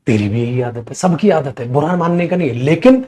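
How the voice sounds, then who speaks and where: A man's voice: lively intonation, a little fast. A man teaching an English grammar class, addressing his students fondly as children and pushing each point with stress. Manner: addresses students as beta, coaxing and emphatic; jumps higher and louder to stress points. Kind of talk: coaching class lecture.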